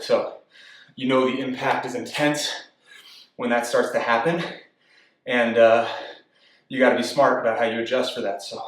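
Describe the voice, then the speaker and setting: Winded man talking from across the room. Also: mid-range voice. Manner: winded, candid, chatty between sets. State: out of breath. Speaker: fitness vlogger. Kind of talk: casual talk between workout sets. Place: apartment home gym. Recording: roomy echo, from far off.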